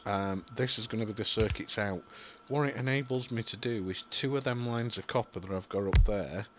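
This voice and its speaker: A young gaming YouTuber from Yorkshire, England, rambles and thinks aloud while commentating casually on a building game, filling his talk with ums and apologies. His voice is lowish and his pace moderate, and there's noise in the background.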